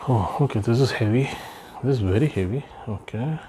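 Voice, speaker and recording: This Indian unboxing vlogger speaks briskly in a mid-range voice as he handles a product indoors over a patterned floor rug. He thinks aloud casually, using many fillers, and there's background noise.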